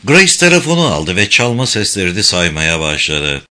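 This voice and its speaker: A man narrating an audiobook in a steady, even reading voice. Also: sits low, moderate pace. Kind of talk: scripted narration.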